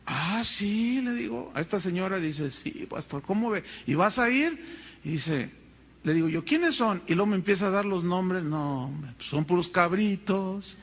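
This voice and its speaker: A pastor with a high-pitched voice preaches a sermon a little slowly. He tells stories with humor in an animated way, acting out other people's voices.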